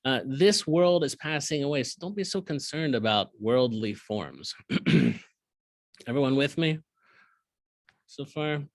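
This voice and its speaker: Man, priest type, Bible study leader; animated pitch, dry close sound, frequent throat-clearing. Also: takes it slowly, long pauses, no echo. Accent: Southern American. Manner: reads verses then explains casually, clears throat often. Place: cathedral.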